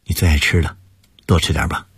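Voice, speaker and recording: A man voicing a gentle, teasing middle-aged mother, coaxing her family. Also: a bass voice, flat delivery, a little fast, creaky, husky, dry recording, studio quality, full character voice. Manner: warm homely coaxing.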